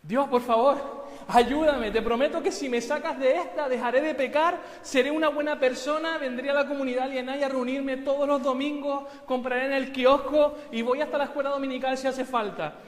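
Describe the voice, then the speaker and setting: Preacher putting on a panicky guy stuck on a cliff, yelling high and loud, echoey church hall. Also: lively intonation, a little slow. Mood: pleading. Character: frantic man hanging from a cliff branch.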